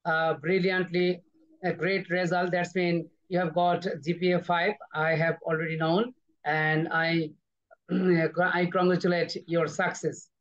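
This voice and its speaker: A man hosts an online class. He has a high voice held in a narrow, flat range, and he sounds brief and encouraging. The call audio is muffled and lo-fi. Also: a little slow. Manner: brief, encouraging, passes the floor. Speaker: English teacher and host. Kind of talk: hosting an online English session.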